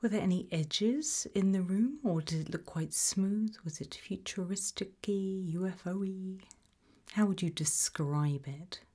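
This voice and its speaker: Taking the interviewer role in an ASMR roleplay, a British woman asks soft, measured questions in a breathy whisper with a mid-range voice.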